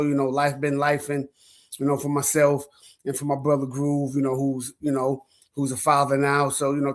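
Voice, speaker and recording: A man hosting a casual sports commentary livestream, talking in slang and repeating words when he gets worked up. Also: medium pitch. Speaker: sports show host.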